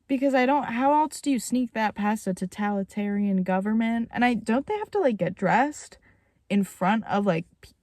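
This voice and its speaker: Excitable swearing woman, very dry sound. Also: on the high side, normal speed, dry recording. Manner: excitable, swears freely, rambling. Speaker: book reviewer. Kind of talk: casual reaction vlog.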